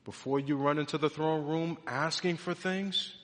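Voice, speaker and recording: A man in his thirties preaches from the pulpit, his fairly high voice rising to loud emphatic peaks and dropping to soft, hushed passages. Long reverb from a large hall trails every phrase. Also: fairly even intonation, normal speed. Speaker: pastor. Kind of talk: sermon. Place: church sanctuary.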